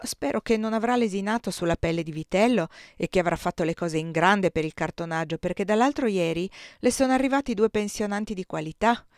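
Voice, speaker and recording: A sharp young man with a dry, ironic edge, read by a woman in her own voice. The sound is close and dry. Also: medium pitch, brisk, hardly any pauses, no room sound, close to an everyday voice.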